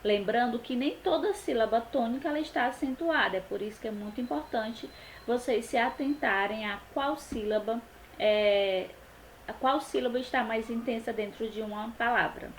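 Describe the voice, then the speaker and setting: A young adult woman, a teacher giving a recorded class, stretching out example words slowly for her students. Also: on the high side, slight background noise, poor audio. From Brazil. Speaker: Portuguese teacher.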